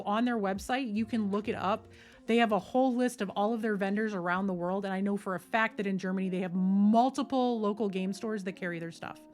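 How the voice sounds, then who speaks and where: A woman chatting casually to her live-stream viewers from a desk at home, talking straight to them. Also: medium pitch. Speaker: livestreamer. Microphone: desk microphone.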